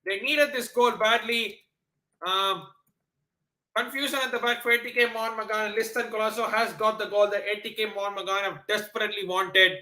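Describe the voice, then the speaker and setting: Poor audio and a roomy sound capture a brisk, high-pitched Nepali man hosting a football watchalong. Not a native Hindi speaker, he excitedly comments on the match and answers viewers, constantly restarting and filling pauses.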